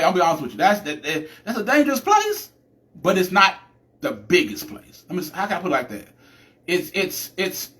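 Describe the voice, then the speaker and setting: Male podcast host, lively swinging delivery, pitched a bit high, preachy casual monologue. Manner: animated, chatty, preacher-like cadence with many restarts.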